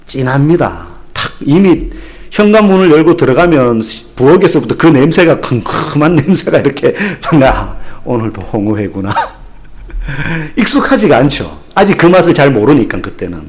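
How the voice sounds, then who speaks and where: A man's voice: on the high side, big pitch swings, moderate pace, darkish tone. A man from the Gyeongsang region of Korea, a pastor giving a sermon, telling stories with acted asides and humor.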